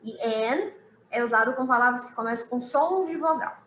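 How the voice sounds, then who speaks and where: Woman teacher doing a live english class, bright voice, repeats examples slowly, echoey room. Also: fairly high pitch, a little hiss or hum. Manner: explains slowly, repeats example sentences, asks "né?" and "ok?". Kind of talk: live online lesson.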